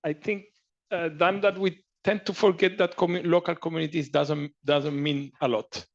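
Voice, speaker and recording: A Chilean man serves as a panelist in a meeting discussion, speaking earnestly and often repeating and restarting as he searches for words. His voice is on the high side, with vocal fry and little pitch movement, at a normal speed, and the audio is dull.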